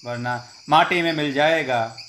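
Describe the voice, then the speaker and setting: A man's voice: on the high side, measured pace, fairly bright tone, a little hiss or hum. A man voicing a young woman who is grieving and furious, speaking defiantly in a horror story. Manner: defiant, vengeful.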